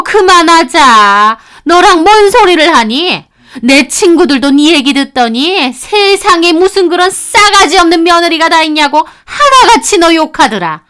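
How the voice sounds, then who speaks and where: A woman's voice: very high-pitched, a bit bright. A woman voicing a nagging, domineering older mother-in-law who scolds her daughter-in-law. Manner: scolding, contemptuous. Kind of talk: storytelling radio acting.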